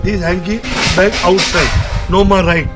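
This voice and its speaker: A street magician speaks in a high voice with a steady tone, drawing out his words. His outdoor patter is chatty and showy as he coaxes and jokes with onlookers, with loud music playing over the recording.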